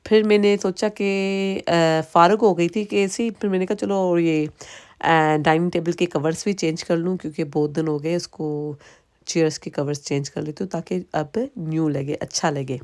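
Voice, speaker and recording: A woman's voice: lowish voice, fairly even intonation, a little mellow. A woman in her thirties, a native Sindhi speaker with a Sindhi accent, chatting casually and rambling through a home vlog. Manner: chatty, rambling, frequent restarts and asides. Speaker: vlogger.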